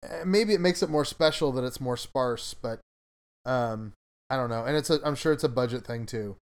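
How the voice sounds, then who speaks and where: A man hosting a casual podcast chat, talking in a relaxed, rambling way. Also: mid-range voice, moderate pace, clear, resonant tone. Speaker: podcast host.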